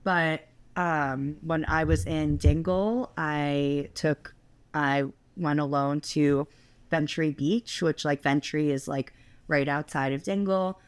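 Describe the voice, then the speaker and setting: A woman's voice: low voice, steady tone, takes it slowly, clean tone, no echo. A young woman co-hosting a podcast, telling a travel story in a chatty way full of fillers. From United States. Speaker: podcast co-host.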